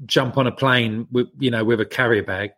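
A man's voice: mid-range voice, fairly even intonation, normal speed, a bit bright. A man chatting casually and self-deprecatingly on a running podcast. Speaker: podcast co-host. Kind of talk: casual chat.

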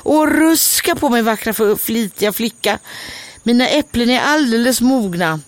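A woman voicing an apple tree that moans and pleads to be shaken, in a high voice. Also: lively intonation, no echo, close to an everyday voice. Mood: pleading.

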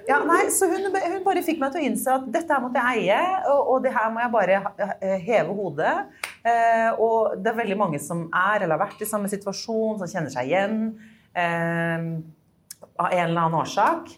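A woman co-hosting a podcast, chatting casually and laughing often as she tells a personal story. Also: medium pitch. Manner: laughs often, animated and self-deprecating. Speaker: podcast co-host. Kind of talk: casual chat.

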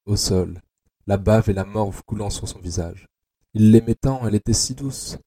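A man narrating an audio adaptation of a dark novel in a slow, measured, tense way. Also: deep voice, breathy edge.

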